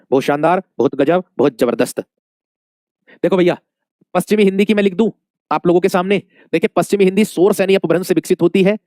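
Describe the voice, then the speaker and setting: A man's voice: sits high, darkish tone, dry recording, studio quality. A male Hindi teacher giving an exam-prep lesson, calling his students dear friends, asking questions and repeating the answers many times.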